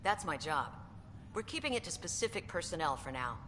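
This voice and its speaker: A woman's voice: sits low, big pitch swings, fairly quick, pushed and bright, big-room sound, a little hiss or hum, exaggerated voice. A woman voicing a seasoned female starship captain with a matter-of-fact manner.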